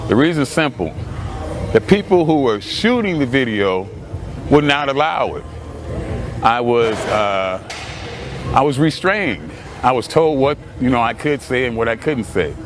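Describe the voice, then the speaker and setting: A man's voice: medium pitch, very animated, unhurried, background noise. A middle-aged man, a martial arts trainer, ranting to camera in a combative, taunting way full of swearing, on a clip-on mic. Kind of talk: profane rant to camera.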